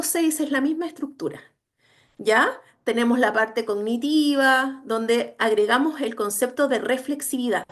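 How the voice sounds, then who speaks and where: A woman giving an instructional lecture on educational assessment, emphatic and often checking that listeners follow. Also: high-pitched. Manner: emphatic, checks understanding with frequent tag questions. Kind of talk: online training lecture.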